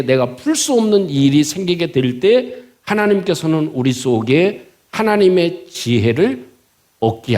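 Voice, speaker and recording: A man's voice: fairly high pitch, a little mellow. A man, a pastor, preaching a sermon. He asks rhetorical questions and leads the congregation in reading aloud.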